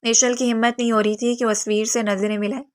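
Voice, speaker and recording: A woman narrates a romance novel in a steady, even voice. Her pitch sits slightly high and the reading stays scripted and measured.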